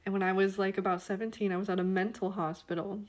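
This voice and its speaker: A woman's voice: mid-range voice, little pitch movement, quick pace, a loud crowd. A young adult woman, a podcast guest in casual chat, telling rambling stories and laughing often.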